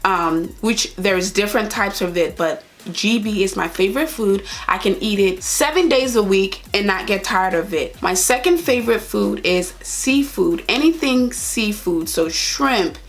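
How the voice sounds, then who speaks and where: Talking directly to her viewers, a young Liberian-accented woman answers their questions in an easygoing to-camera vlog; she's from Liberia and was partly raised in Ivory Coast. Her mid-range voice has lively intonation, moving a little slowly with few pauses.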